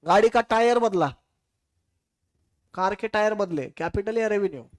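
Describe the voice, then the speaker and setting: A man's voice: high voice, normal speed. A man teaching an accounting class in a classroom. He keeps asking the class rhetorical questions and slips English terms into his explanations. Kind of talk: classroom lecture.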